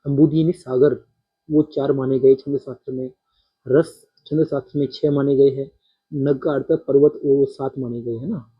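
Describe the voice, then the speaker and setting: A man teaching a poetry-meter lesson, counting syllables aloud slowly and speaking directly to his students. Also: mid-range voice, steady tone, husky, lo-fi sound.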